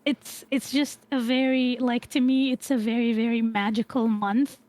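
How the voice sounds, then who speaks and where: A woman guest on a casual podcast, speaking hesitantly with many pauses and fillers. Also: a little high, level tone, darkish tone.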